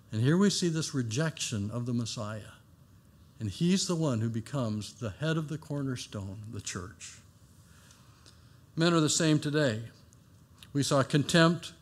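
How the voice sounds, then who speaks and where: A man preaching a sermon, rising for quoted cries and dropping low and soft at the ends of phrases.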